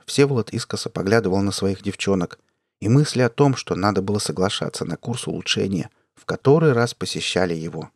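Guy narrating a sci-fi audiobook, lowish voice, steady and measured, very dry recording. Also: no room sound. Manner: even, measured storytelling. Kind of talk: scripted narration.

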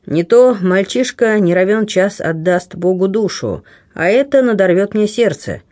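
A man voicing a gruff old buccaneer. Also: high voice, lively intonation, measured pace, a little mellow, pitched above the performer's own voice. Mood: gruff warmth. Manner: grumbling, teasing, plain-spoken. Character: gruff aging male buccaneer, blunt, kindly, ironic.

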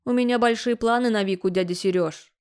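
A woman's voice: a little high, brisk, a little mellow, smooth, voice pushed up, lightly acted. A woman voicing a smug, nerdy young man in an audiobook. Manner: smug, cloying.

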